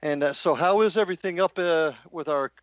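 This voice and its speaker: Male American talk radio host, halting and deliberate, close dry sound on lo-fi audio. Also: on the high side, no echo. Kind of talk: hosting a paranormal talk radio interview.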